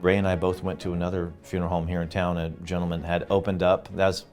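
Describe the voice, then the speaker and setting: A man's voice: deep voice, quick pace, faint music behind. A middle-aged man, a guest co-owner of a funeral home, telling stories in a casual interview with frequent laughs and restarts. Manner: animated anecdotes, laughing often, restarts mid-sentence.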